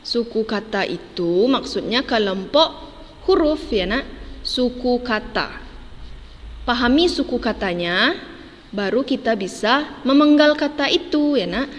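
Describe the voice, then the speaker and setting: Slow lady teacher talking to kids, says ya nak after everything, bit of a reverby room. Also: fairly high pitch, expressive. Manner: syllable-by-syllable spelling out of words. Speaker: primary school teacher. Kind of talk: online lesson for children.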